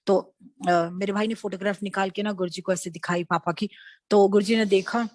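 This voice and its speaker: A woman retelling a devotional experience in a lively storytelling way, mixing in English phrases. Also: medium pitch, moderate pace, no echo. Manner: lively anecdotal retelling, acting out quoted voices; switches between Hindi and English mid-sentence. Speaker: devotee sharing a personal experience. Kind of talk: satsang storytelling.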